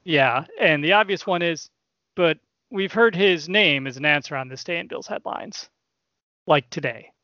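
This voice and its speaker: A man's voice: fairly high pitch, normal speed, pushed and bright, no echo, highs cut off. A man hosting a casual sports podcast, reading out old headlines as quiz clues and teasing the guessers. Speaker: podcast host running a trivia quiz.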